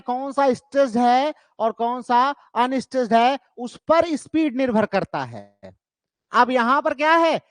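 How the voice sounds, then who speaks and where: Indian guy teaching literature, really high voice, asks and answers himself, dead dry sound. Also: a bit bright, dry recording. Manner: explains step by step, asks and answers his own questions; slows down to read English terms. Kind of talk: exam-prep lecture.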